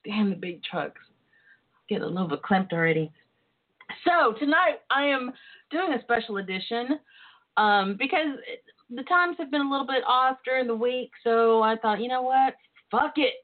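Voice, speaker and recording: Campy, sassy woman host, phone-like sound. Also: on the high side. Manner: campy, sassy, bawdy, chatty. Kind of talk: casual solo radio chat. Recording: tinny phone line sound.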